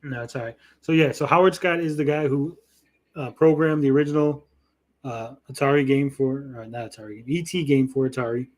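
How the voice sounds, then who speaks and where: A man's voice: medium pitch, fairly even intonation, fairly quick, darkish tone. A man giving casual, profane commentary as a host, in a crude, emphatic, indignant way. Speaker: host commenting on a played recording.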